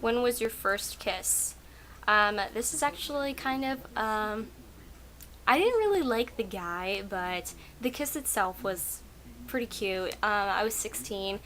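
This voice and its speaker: A native Russian-speaking young woman answers tag questions for a casual home vlog at night, rambling chattily with lots of "like" and "um." She speaks a little slowly at medium pitch, with lively intonation and a fairly bright tone.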